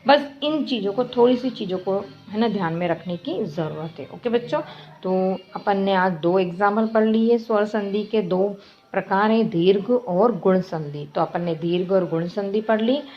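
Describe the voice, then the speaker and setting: A woman teacher giving a grammar lesson to children, slow and patient, repeating words and checking that they understand. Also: mid-range voice, faint music behind. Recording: dull lo-fi audio with faint noise.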